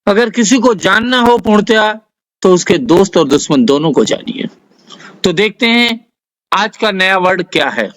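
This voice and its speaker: A man with an Indian accent, teaching a vocabulary lesson, dictating word lists slowly and carefully. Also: high voice, lively intonation, fairly bright tone, poor audio. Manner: dictates word lists slowly, spells out English example sentences. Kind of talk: slow, deliberate vocabulary lesson.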